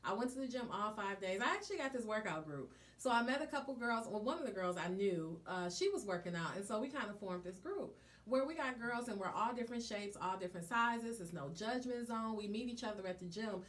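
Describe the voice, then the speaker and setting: A woman's voice: mid-range voice, brisk. Chatty woman podcast co-host. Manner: chatty, animated storytelling with slang. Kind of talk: casual chat.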